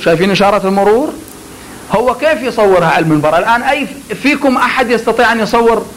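A man's voice: high-pitched, fairly bright tone, a little hiss or hum, low-quality recording. A man teaching pulpit oratory in a classroom lecture, drawing out words to demonstrate delivery and talking to his students with joking asides.

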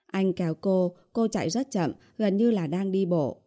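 Casting: female audiobook narrator, steady, with a dark, mellow voice. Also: medium pitch, moderate pace. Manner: steady storytelling. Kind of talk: scripted narration.

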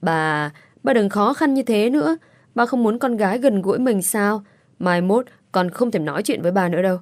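A woman's voice: mid-range voice, expressive, normal speed, dry recording, lightly acted. A woman voicing a playful, teasing young daughter in a storybook reading, speaking in a cheeky, coaxing way. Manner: cheeky, pleading, sulky.

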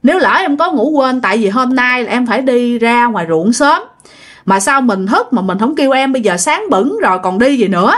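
A woman's voice: fairly high pitch, lively intonation, brisk. A woman with a Southern Vietnamese accent voicing a fretful young village wife who asks anxious questions. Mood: complaining. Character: startled young village wife, sleepy, then frightened.

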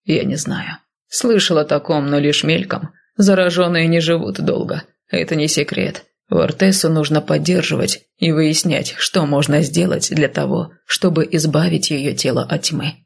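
A woman voicing a calm male healer who speaks in a level, dry, unemotional way, in a husky low voice. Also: moderate pace, heavily acted. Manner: level, dry, matter-of-fact.

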